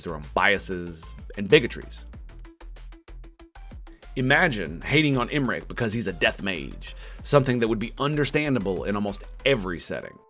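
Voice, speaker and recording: Background music runs beneath a man narrating a scripted critique of a video game. His voice sits on the low side with a bit of brightness, and his take is sardonic and opinionated.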